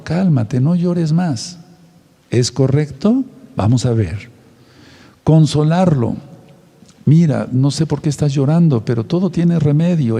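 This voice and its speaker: A man's voice: medium pitch, dark tone, long reverb tail. A man, a pastor and counselor giving a teaching sermon, repeating his points and asking the audience questions.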